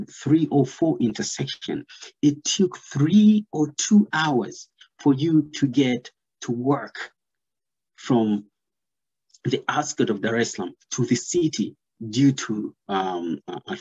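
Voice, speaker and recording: Tanzanian man in his thirties, husky voice, earnest and filler-heavy, muffled webcam sound. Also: mid-range voice, animated, slow, darkish tone. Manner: earnest, many fillers, gestures while talking. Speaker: commentator. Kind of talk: casual video-call commentary. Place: plain room, indoors. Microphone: laptop webcam video call.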